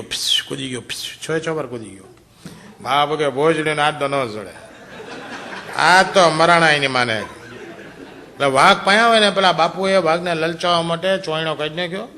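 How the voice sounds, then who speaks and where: A man tells crude jokes, laughing at his own punchlines. His voice sits a touch high and rings very bright and forceful. He slips into the voices of his characters as he goes. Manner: crude, chuckling storyteller, acts out characters' quoted lines. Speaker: stand-up comedian. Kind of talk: adult joke telling to a live audience.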